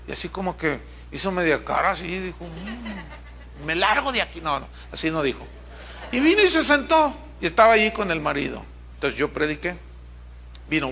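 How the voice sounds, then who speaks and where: A man preaching a sermon as pastor, telling stories and reading scripture with lively acted-out quotes. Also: on the high side, vocal fry, a little hiss or hum. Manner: animated preaching, acts out quoted people.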